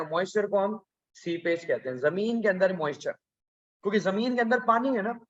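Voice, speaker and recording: A man's voice: high voice, muffled recording. A male geography teacher, lecturing a class in a chatty, teasing way and repeating the key points. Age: adult, past school age.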